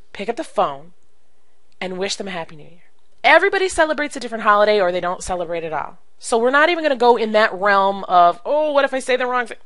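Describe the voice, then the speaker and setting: A woman coaching direct sales in an animated, emphatic way, acting out phone calls as she teaches. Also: fairly high pitch, dry recording, low-quality recording. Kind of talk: coaching video talk to camera.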